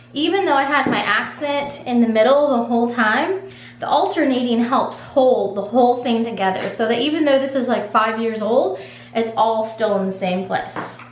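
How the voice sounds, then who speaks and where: A woman casually walking viewers through a craft project step by step, in a relaxed, reassuring way. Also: a little high. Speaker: craft tutorial host. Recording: echoey room with faint hum.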